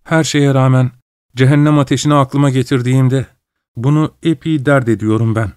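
A man's voice: medium pitch, steady tone, normal speed, darkish tone, clear, resonant tone, no echo, studio quality, lightly acted. A man voicing Kiava, a tormented husband. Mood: despairing. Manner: subdued, grave, despairing. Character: tormented young husband, fearful and remorseful. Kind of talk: audiobook character voice.

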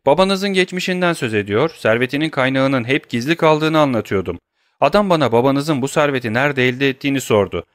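A middle-aged banker, as a male audiobook reader puts him on, scared yet bristling, protesting defensively and with agitation. His voice is pitched above the narration and is a touch louder. The sound is dry and close, with no room echo. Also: expressive, brisk, natural voice. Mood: indignant. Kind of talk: audiobook character reading.

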